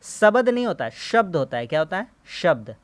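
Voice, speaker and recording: A man's voice: a little high, very animated, quick pace, no echo. Teacher man drilling Hindi words. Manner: asks a question and answers it himself, drills words for repeating; friendly and reassuring, says "ठीक है भैया". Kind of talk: explaining a class 7 Hindi lesson.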